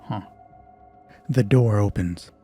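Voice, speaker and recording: A man speaks slowly in a fairly low voice over music while hosting a solo tabletop roleplaying game. He narrates the story, explains the rules conversationally, and thinks aloud, slipping in self-deprecating remarks.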